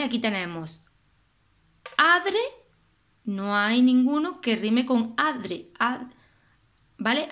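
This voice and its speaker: A woman with a Spain Spanish accent, patiently explaining poetic meter and rhyme to her students, slowly sounding out syllables. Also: on the high side. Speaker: teacher. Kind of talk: classroom explanation of poetry meter.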